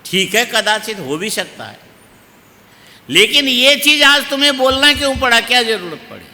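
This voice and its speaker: A man giving a Hindi religious discourse, teaching in a slow cadence, asking listeners questions and chanting Sanskrit verses. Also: extremely high pitch, big pitch swings, sharp tone, long reverb tail. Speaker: Bhagavata katha preacher.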